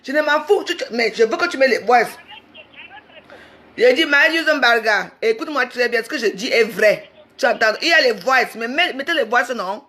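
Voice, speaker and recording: A woman's voice: on the high side, animated, moderate pace, pushed and bright, slight background noise. A woman in a heated livestream rant, confrontational and repeating herself insistently. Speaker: social media livestreamer.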